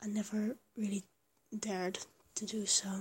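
In this tender intimate roleplay, a woman whispers breathily in a natural, medium-pitched voice, flat and measured, with a little hiss or hum behind her. Her character is a small, affectionate young lover who whispers, stammers and rambles between giggles.

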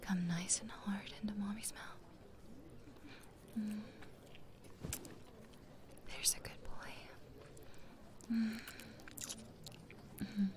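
A woman speaking in a soft, coaxing, teasing whisper close to the mic, as in an intimate audio roleplay. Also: medium pitch, fairly even intonation, slow pace, long pauses.

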